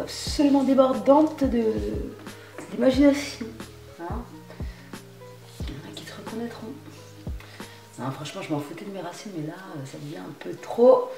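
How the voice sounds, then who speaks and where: Chatty slang-heavy woman vlogging in a roomy space. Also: mid-range voice. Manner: slangy, chatty, self-mocking. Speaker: beauty vlogger. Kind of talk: casual vlog chat while dyeing her hair. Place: indoors at home at night.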